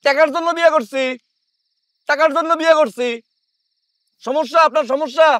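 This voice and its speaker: An actor playing a defiant young groom who snaps back loudly at his elders, in a TV drama. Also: high voice, moderate pace, no room sound, studio quality. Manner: loud, defiant and snapping. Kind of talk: TV drama acting.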